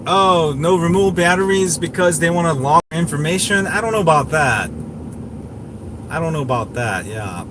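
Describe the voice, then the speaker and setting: This time the tech streamer sounds on the high side, with lively intonation and a normal pace, while background noise stays clearly audible. He chats casually with viewers, rambling, opinionated and prone to repeating himself.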